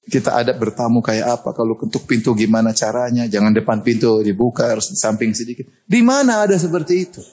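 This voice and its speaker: A man giving a lively sermon, telling stories in an animated way and laughing often. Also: mid-range voice, fast, breathy edge. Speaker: preacher.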